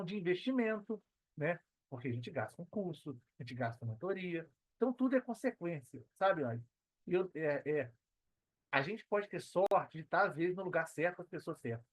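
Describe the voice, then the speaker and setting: A dry recording captures a Brazilian man's high-sitting voice as he appears as a podcast guest. The digital entrepreneur chats casually and with slang, sounding earnest and emphatic and repeating phrases to underline them.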